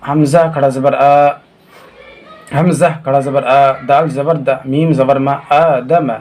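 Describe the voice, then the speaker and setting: A man teaching Quran reading in a recorded lesson, spelling out letters and vowel marks slowly, with quicker explanations in between. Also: mid-range voice, little pitch movement, a little mellow, a little hiss or hum. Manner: slow, drawn-out recitation of syllables, then quick asides.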